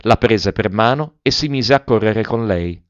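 A man narrates a classic novel in a measured, literary manner. His voice sits low. The recording is dry and somewhat dull, like a lo-fi home setup. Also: no echo. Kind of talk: audiobook reading of a 19th-century novel.

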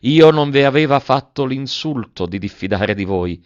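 A man's voice: mid-range voice, expressive, normal speed, dry recording, voice pushed up, lightly acted. A man voicing a proud, resolute young woman who speaks with grave earnestness. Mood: solemn. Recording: dull dry lo-fi recording.

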